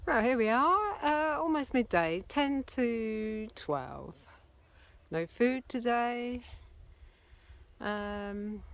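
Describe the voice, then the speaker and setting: A woman's voice: on the high side, a little hiss or hum. A woman from Britain chatting casually to her camera while walking outdoors, rambling and correcting herself, a little out of breath. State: a bit out of breath. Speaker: walking vlogger. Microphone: handheld camera.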